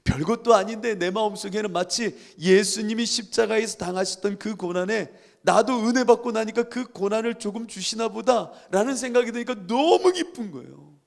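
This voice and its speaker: Fervent male pastor, gravelly voice. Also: high-pitched, moderate pace, hardly any pauses. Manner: fervent, emotional storytelling. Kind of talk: sermon.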